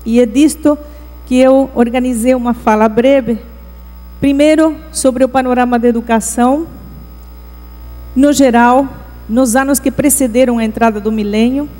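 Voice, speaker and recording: A middle-aged woman with an Argentine accent and Spanish as her first language, giving a conference talk in a measured, earnest way with pauses mid-phrase. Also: on the high side, fairly even intonation, dark tone. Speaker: education program director. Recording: reverberant hall, mains hum.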